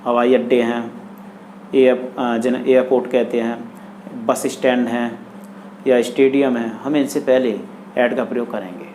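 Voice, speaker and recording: A man teaching English grammar in Hindi, speaking deliberately and repeating each example sentence. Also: mid-range voice, fairly even intonation, darkish tone, slight background noise.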